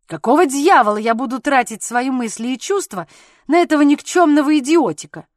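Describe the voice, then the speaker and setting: A woman voicing a jealous, petulant young husband who complains loudly in an audiobook. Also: sits high, normal speed, dry recording, clean studio sound, natural voice. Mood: angry complaining. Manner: loud, sulky and exasperated.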